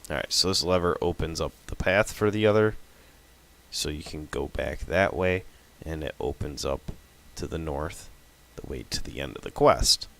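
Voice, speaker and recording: A man with a sick voice giving relaxed, casual commentary over his own gameplay, thinking aloud as he plays. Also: extremely low pitch, moderate pace, creaky. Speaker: gameplay video host.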